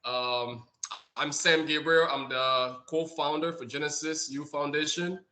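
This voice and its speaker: A man's voice: on the high side, fairly even intonation, measured pace, pushed and bright. A man from Liberia, a nonprofit co-founder and director, speaking on an online community call, often repeating words as he searches for them. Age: adult. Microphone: video call.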